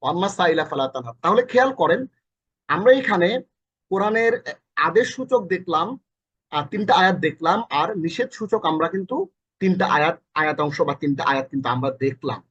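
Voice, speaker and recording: Husky high-voiced man teaching, lo-fi. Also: lively intonation, brisk, a bit bright. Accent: Bangladeshi Bengali. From Bangladesh. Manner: repeats each meaning several times, colloquial asides; corrects himself mid-lesson. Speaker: Quran teacher. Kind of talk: recorded lesson explaining Arabic verses.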